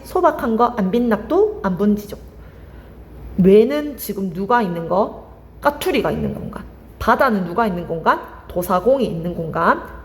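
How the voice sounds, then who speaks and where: A woman's voice: mid-range voice, long reverb tail, a little hiss or hum. A woman teaching Korean literature for exam prep, firing questions at her students and answering them herself. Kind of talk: lively exam-prep lecture.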